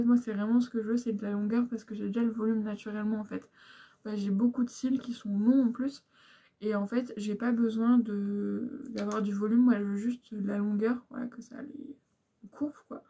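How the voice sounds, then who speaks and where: A woman's voice: fairly high pitch, vocal fry, mellow. A young woman frankly chatting through beauty products she has used up, with lots of fillers and asides. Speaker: beauty vlogger. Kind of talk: casual product review chat.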